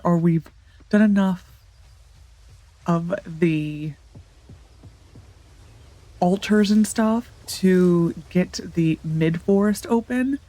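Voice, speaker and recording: A let's play gamer with a warm, fairly low voice that sounds congested and nasal chats casually over a farming game, with no echo. She thinks aloud, often pausing on ums and restarting her sentences.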